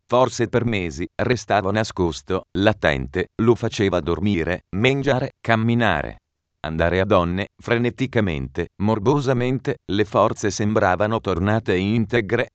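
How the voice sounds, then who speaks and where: A man reading a novel aloud in measured, even narration. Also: fairly low pitch, no echo. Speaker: audiobook narrator. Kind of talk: scripted narration. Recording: dry, muffled recording.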